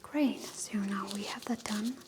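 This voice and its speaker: A woman whispering gently as a doctor in a medical ASMR roleplay, giving soft step-by-step instructions. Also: medium pitch, measured pace, noisy background.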